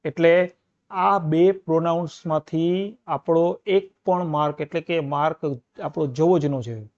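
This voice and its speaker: Male tutor with a slightly high voice, exam-prep grammar lecture, repeats points and checks in with students, dull muffled recording. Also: unhurried, a little mellow. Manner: explains in repeated steps, often checks with the listener. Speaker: English grammar teacher.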